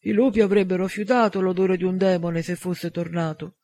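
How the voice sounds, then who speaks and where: A man's voice: high voice, fairly even intonation, fairly quick, dark tone, dry recording. A man voicing a firm, protective man who commands wolves, in an audiobook. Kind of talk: audiobook dialogue.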